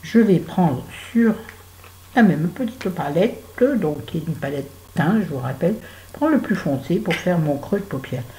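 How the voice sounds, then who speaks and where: Chatting while she applies make-up for her vlog, a middle-aged woman tells a story, breaking off now and then for exasperated asides. She speaks in a warm, low, animated voice without hurrying, on a low-quality recording.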